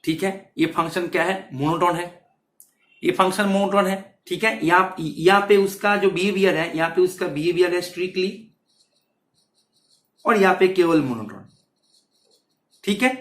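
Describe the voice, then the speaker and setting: Here a man teaches maths ahead of an exam in a high-pitched, slightly bright voice, speaking at normal speed but leaving long pauses. He repeatedly checks on his students and echoes his own phrases. The audio is roomy with an echo.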